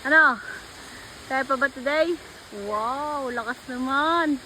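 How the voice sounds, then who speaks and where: A woman's voice: sits high, measured pace, background noise. Give me a breathless woman vlogging by a roaring waterfall. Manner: excited, exclamatory, mixing in English. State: out of breath from hiking. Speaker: travel vlogger. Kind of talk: travel vlog narration. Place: outdoors at a waterfall on rocky trail. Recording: loud waterfall roar behind voice.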